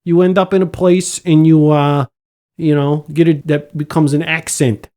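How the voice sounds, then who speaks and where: A man hosting a podcast, talking in a halting, meandering way in casual chat. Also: fairly high pitch, flat delivery, dark tone. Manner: halting, meandering, with many fillers. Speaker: podcast host.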